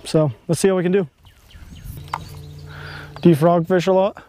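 A man's voice: high-pitched, steady tone, normal speed, warm tone, a little hiss or hum. Upbeat young man hosting a fishing vlog. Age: young adult. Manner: upbeat, laughs often, talks to viewers. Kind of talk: casual fishing vlog talk. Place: outdoors on a boat on a pond. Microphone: action camera on the boat.

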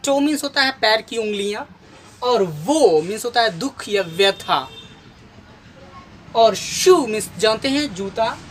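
A man teaching English pronunciation, patiently explaining word meanings and repeating each word slowly and deliberately. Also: high-pitched, lively intonation, a bit bright, slight background noise, poor audio. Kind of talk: pronunciation lesson.

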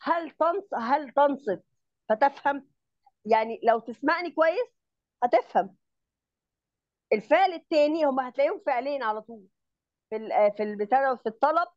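Egyptian woman, online grammar tutor, slightly high voice, patient step-by-step explainer who checks understanding, muffled call audio. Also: animated, brisk, long pauses, no room sound. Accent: Egyptian Arabic. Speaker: Arabic grammar teacher.

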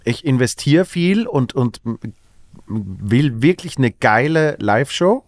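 Sex: man. Origin: Germany. Role: comedian and radio host as guest. Intonation: very lively. Sound: dry, close mic. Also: mid-range voice, slow pace, dry recording. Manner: chatty, laughs often, storytelling. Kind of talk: casual chat.

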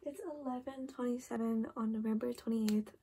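Speaking at a normal speed over a noisy background, an 18-year-old vlogger with a fairly high voice rambles tiredly to the camera in her bedroom late at night. She is about to turn 19 and leans heavily on "like" and "literally."

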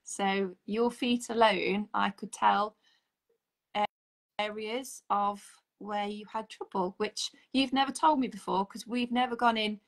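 Woman in her 40s, gravelly voice, chatty and earnest, video-call audio. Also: mid-range voice, fairly even intonation, unhurried. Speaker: holistic therapist guest. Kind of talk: casual video-call chat. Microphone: video call, audio only.

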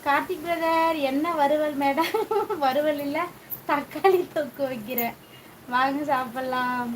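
A high-pitched woman with a Tamil accent runs a chatty live stream from her kitchen, cooking as she greets viewers one after another. She talks into a phone, with faint noise in the background. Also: fairly even intonation, a little slow, poor audio. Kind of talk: casual live chat reading viewer comments.

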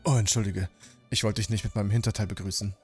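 A man's voice: lowish voice, level tone, fast, darkish tone, breathy edge, soft background music, pitched below the performer's own voice. A man voicing an awkward, apologetic village shopkeeper in a video game. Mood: awkward, curt.

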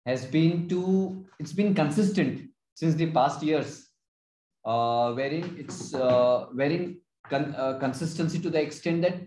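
A man with an Indian accent explaining as a consultant in a webinar, haltingly, often repeating and rephrasing his phrases. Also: fairly high pitch, darkish tone, slight background noise. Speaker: tax consultant presenting a webinar. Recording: roomy, echoing webinar audio.

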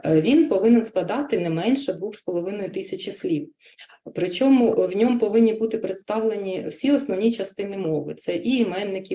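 A woman speech therapist talks parents and teachers through a livestreamed webinar. Her voice sits a little low and sounds mellow and dark. She explains step by step in a measured way, often pausing on a hesitant "e" before going on. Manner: measured, explanatory, frequent "e" fillers.

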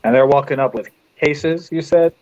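A man's voice: fairly high pitch, moderate pace, darkish tone, no room sound. Hesitant man asking questions, lo-fi mic. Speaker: player. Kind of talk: casual tabletop play.

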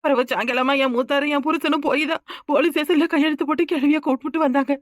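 A quarrelsome young village wife in a cartoon, played by a woman, pouring out her grievances. She talks high and quick in a stream of complaint. The recording is close and dry. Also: fairly even intonation, no echo, natural voice. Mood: lamenting. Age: young adult. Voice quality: rapid, complaining talk. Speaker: cartoon character. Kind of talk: cartoon voice acting.

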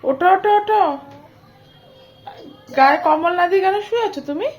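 The audio is dull, but the woman's very high-pitched voice comes through as she chats fairly quickly to her toddler in a sing-song tone. She's an Indian mother with a Bengali accent, filming a casual home vlog.

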